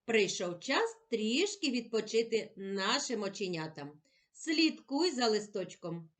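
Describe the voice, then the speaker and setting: A woman teacher with a Ukrainian accent giving a children's reading lesson, slowly sounding out letters and syllables. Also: mid-range voice, sing-song. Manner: slow, clear, sounding out syllables for young children.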